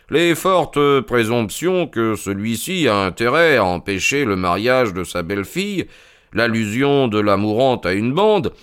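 A man playing a calm, ironic detective who reasons and mocks with composure, in an audio drama reading. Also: clean tone. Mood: reasoning. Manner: composed and mocking, lively rises in pitch. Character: calm, ironic male detective, sure of himself.

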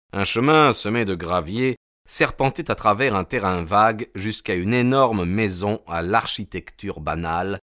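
Man, audiobook narration, measured, even, low pitch, dry sound. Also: dry recording.

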